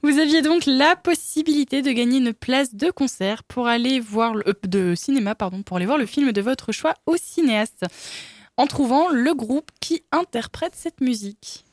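A woman's voice: sits high, moderate pace, no room sound. A young woman hosting a live student radio show, chatting along with fillers and little laughs.

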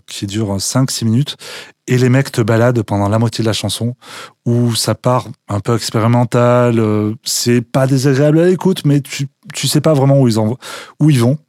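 A man's voice: mid-range voice, normal speed, a little mellow, no room sound, studio quality. Hesitant, enthusiastic male radio guest. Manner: enthusiastic, hesitant with many fillers. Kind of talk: casual radio interview. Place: radio studio.

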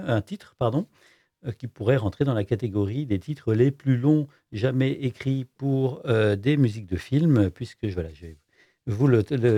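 A man's voice: mid-range voice, dark tone, breathy edge, dry recording, clean studio sound. A man hosting a radio show about film music, talking in a chatty way with many fillers and self-corrections. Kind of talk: casual radio presentation.

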